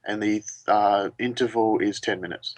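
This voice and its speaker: Low-voiced man explaining game rules. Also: fairly even intonation, normal speed, poor audio. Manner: matter-of-fact, explains rules. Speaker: player. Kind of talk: casual tabletop game chat.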